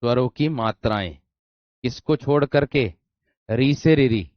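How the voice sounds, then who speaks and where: A man teaching an online grammar class, drilling the same phrases over and over with heavy emphasis. His voice sits at an ordinary pitch and sounds close and dry, with no room around it. The recording is slightly muffled and lo-fi. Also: measured pace, no room sound. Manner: repetitive, emphatic, calls students "my friend". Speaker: exam-prep teacher. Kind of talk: online Hindi grammar lesson.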